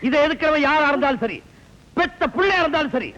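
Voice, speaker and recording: An actor playing a stern, proud old village patriarch who booms out commands and turns gentle. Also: male voice, animated, brisk, slightly rough. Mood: commanding. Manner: booming and commanding, softening to gentle. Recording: dull lo-fi film soundtrack with music.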